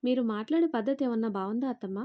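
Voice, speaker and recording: A defiant young daughter-in-law, as a woman storyteller puts her on, firm and confrontational with a raised voice. The pitch sits fairly high, the tone mellow. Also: lively intonation, racing, lightly acted.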